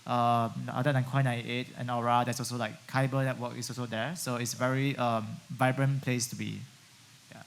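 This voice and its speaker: A man's voice: medium pitch, flat delivery, normal speed, creaky. Man from singapore, panel speaker, conversational, faint background hiss. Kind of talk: panel discussion answers.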